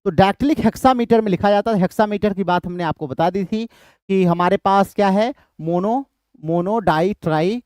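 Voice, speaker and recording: Slow, deliberate male lecturer. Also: sits high, a little mellow, clean tone, no echo, studio quality. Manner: slow, deliberate, repeats terms and greets students by name. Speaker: English literature teacher. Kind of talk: live online lecture in Hinglish.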